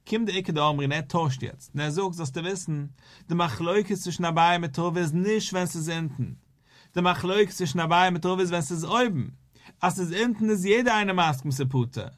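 A rabbi leads a Talmud lesson in a sing-song study cadence. His voice sits a little higher than most men's. He circles back and repeats his key phrases as he explains. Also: normal speed. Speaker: rabbi teaching daily Talmud page.

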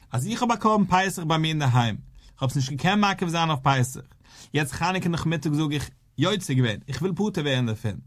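A rabbi teaching a daily Talmud class, working through the argument and acting out both sides with a rising and falling study chant. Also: male voice, a little high.

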